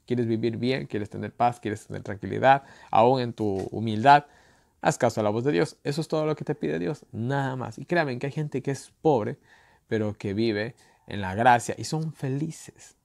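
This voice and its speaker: A man's voice: medium pitch, moderate pace, vocal fry, darkish tone, no echo. Man teaching a Bible study, dry close mic. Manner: reads scripture aloud with rising emphasis, then comments conversationally; tells anecdotes with tag questions and light laughs. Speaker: preacher.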